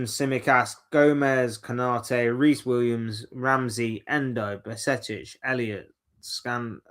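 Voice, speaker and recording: A man's voice: medium pitch, fairly bright tone. A man hosting a casual solo football chat, rambling and opinionated, reeling off players one by one. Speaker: football channel host.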